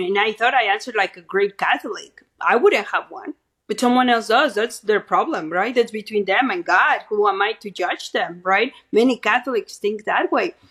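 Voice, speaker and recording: This middle-aged activist and guest speaker from Mexico City talks freely through her interview testimony, her Mexican Spanish accent clear. Her mid-range voice is a bit bright with a breathy edge, and she keeps adding "right?" to what she says.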